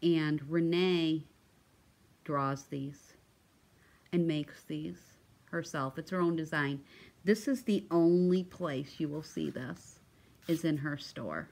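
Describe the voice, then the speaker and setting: A woman's voice: low voice, slow pace, creaky, a little mellow. A woman showing off craft supplies in a casual vlog, chatty and gushing, with many ums and restarts. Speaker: crafting vlogger. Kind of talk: casual show-and-tell vlog.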